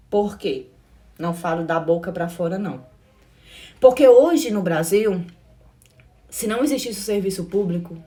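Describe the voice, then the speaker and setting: A woman's voice: medium pitch, warm tone. A middle-aged Brazilian woman teaching exam prep in a passionate, blunt pep talk, repeating herself and swearing now and then. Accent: Brazilian Portuguese. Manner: emphatic and blunt, repeats phrases, calls listeners "meu amor", swears.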